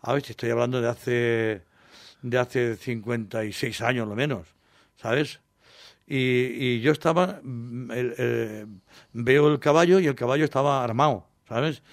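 A man's voice: mid-range voice, measured pace, no echo, clean studio sound. A Spanish man in his sixties from Valencia, a singer telling childhood stories in an interview, rambling and laughing as he acts out voices. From Valencia, Spain.

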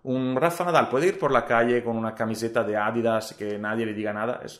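An Italian man, a social media scientist appearing as a guest, answers interview questions in Spanish with an Italian accent. He speaks fairly quickly in a mid-range, steady voice, yet hesitantly, with lots of fillers and restarts.

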